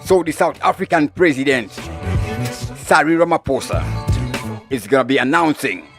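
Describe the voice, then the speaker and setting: A man with a Zimbabwean accent hosting a live-streamed political commentary show, talking through the news with many filler "uh"s and shout-outs to viewers. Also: fairly high pitch, lively intonation, normal speed, music in the background. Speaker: host of a live online news channel.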